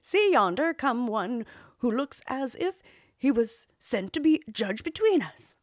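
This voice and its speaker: A woman's voice: a little high, big pitch swings, measured pace, no room sound, clean studio sound, voice pushed up. A woman playing a desperate pleading man. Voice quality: whispery. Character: desperate grown man pleading for his life.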